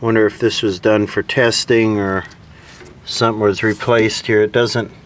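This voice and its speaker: A man hosting a vintage radio repair video muses aloud as he inspects old gear, asking himself questions with sardonic humor. He speaks at a moderate pace in a fairly low, flat voice, with slight background noise.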